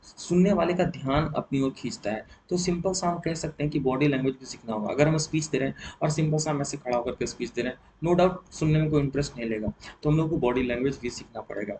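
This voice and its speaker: A man's voice: medium pitch, fast, hardly any pauses, a little mellow, a little hiss or hum, rough recording. A man with an Indian accent teaching a spoken English course in a lesson, explaining step by step, switching between Hindi and English and repeating key points.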